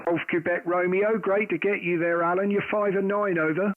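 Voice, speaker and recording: A man's voice: high voice, steady tone, moderate pace, narrow, tinny audio, background noise. A man hosting amateur radio, chatting in a casual, rambling way and calling out call signs. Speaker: host of a live amateur radio stream. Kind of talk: casual radio chat and call-sign exchanges. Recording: thin band-limited radio-like sound, dry.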